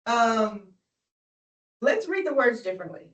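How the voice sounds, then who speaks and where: A woman's voice: on the high side, very animated, a little slow, reverberant, far from the mic, low-quality recording. A woman tutoring a student in phonics, patient and encouraging, often checking in with "right?". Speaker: reading tutor. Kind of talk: one-on-one phonics lesson.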